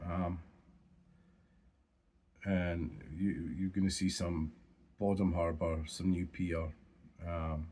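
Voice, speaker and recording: This Scottish man takes it slowly as he vlogs about his fishing in a casual chat to camera, swearing and umming throughout. His voice sits low, mellow and breathy-edged, and comes out stuffy and nasal from a blocked nose.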